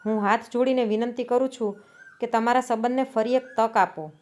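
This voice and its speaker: A weary older father speaks humbly and in a measured way, as a woman narrator voices him. The pitch stays fairly high. It is a storybook reading. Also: steady tone, a little mellow, close to an everyday voice. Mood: humble.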